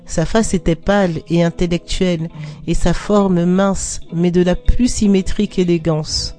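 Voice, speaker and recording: A narrator reading a religious story aloud in an even, unhurried storytelling manner. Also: mid-range voice, soft background music.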